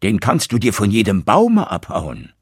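A man's voice: lowish voice, wildly swooping pitch, moderate pace, slightly rough, dry recording, studio quality, heavily acted. A man voicing an old tailor father who scoffs in disbelief, in a fairy tale. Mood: scoffing. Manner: scoffing, incredulous. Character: old male tailor, gruff and doubting father.

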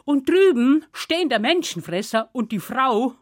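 Lively woman telling a children's fairy tale. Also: high voice, measured pace, dry recording, clean studio sound. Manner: lively, playful, acts out voices and duck sounds. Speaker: storyteller.

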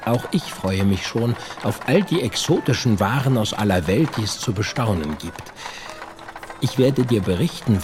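An actor playing an earnest elder brother and scholar, delivering formally in an audio drama. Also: male voice, lowish voice, background noise, close to an everyday voice. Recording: music behind.

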